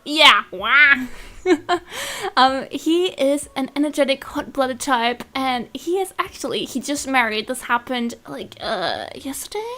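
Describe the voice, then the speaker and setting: Young woman gaming vlogger, high voice, giggly and excitable, casual commentary. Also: takes it slowly. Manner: bubbly and excitable, giggles often. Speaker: gaming YouTuber.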